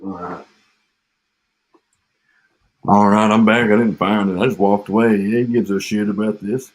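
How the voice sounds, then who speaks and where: He co-hosts a podcast, rambling and joking casually and drifting off mid-thought over an echoey home mic. His lowish voice is unhurried, with fairly even intonation.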